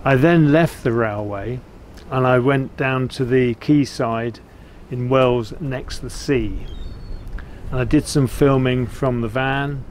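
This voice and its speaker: An older man with an English accent talks to camera in an unhurried, chatty way. His voice is mid-pitched and plain-spoken. He is recorded outdoors, with some ambient noise around him. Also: darkish tone. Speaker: vlog host. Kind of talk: casual chat to camera, recounting a trip. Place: outdoors, seated beside a narrowboat.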